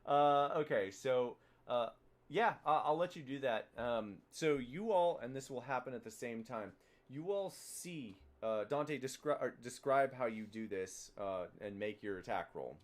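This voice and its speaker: A man narrating as dungeon master, talking in a halting way with many fillers and restarts. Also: mid-range voice, expressive. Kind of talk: narrating a tabletop game.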